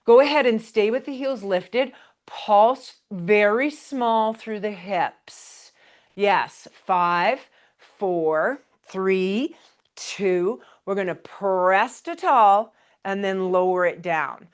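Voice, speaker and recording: A woman's voice: mid-range voice, takes it slowly. A woman pilates instructor leading a live exercise class, calling out counts and breath cues in a chatty, encouraging way. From Canada. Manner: chatty, laughs between cues.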